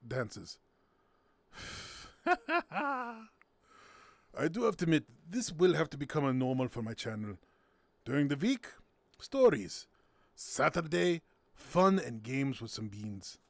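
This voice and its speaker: A playful man chatting his way through a stream, with a gravelly, fry-edged voice. His pitch bounces around a lot as he laughs and jokes. The sound is close and dry, with no room around it. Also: very animated, measured pace, long pauses, no room sound. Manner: playful and giggly, with silly sound words. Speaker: streamer hosting a game night. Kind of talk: casual gameplay commentary.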